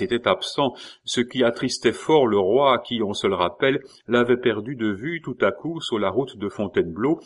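Man, lowish voice, measured audiobook narration, steady storytelling. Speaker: audiobook reader. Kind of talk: scripted narration of a historical novel.

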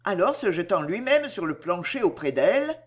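A woman narrating a novel as an audiobook, in an expressive, measured way. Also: lowish voice. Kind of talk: novel reading.

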